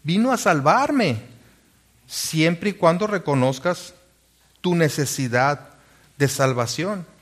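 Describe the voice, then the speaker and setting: A man's voice: on the high side, animated, slow pace, long pauses. Man preaching with rhetorical questions. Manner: reads scripture aloud. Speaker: pastor. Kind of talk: sermon.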